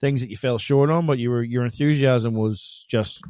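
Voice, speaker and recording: A man's voice: medium pitch, moderate pace, a little mellow, smooth, dry recording, clean studio sound. A man co-hosting a casual sports podcast, chatty and joking, calling his co-host "mate".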